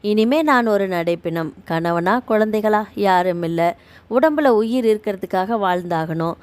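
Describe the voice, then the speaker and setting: A woman voicing a lonely older woman who is moving into a care home; she speaks softly, resigned and pleading. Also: medium pitch, unhurried, no room sound, natural voice. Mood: tearful.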